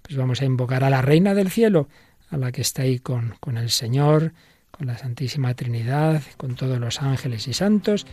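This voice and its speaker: A man hosting a religious program, reading a story in a calm, measured narration. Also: medium pitch, dry recording. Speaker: host of religious radio program.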